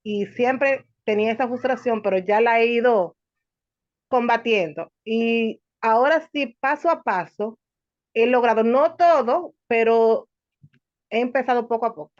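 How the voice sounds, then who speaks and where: A woman in her thirties speaks up on a video call, telling her own example slowly and with small pauses. Her voice is somewhat high. The audio is dull and muffled. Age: 30s. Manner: slow, thoughtful, hesitant with fillers. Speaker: participant in an online session. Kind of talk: sharing a personal example.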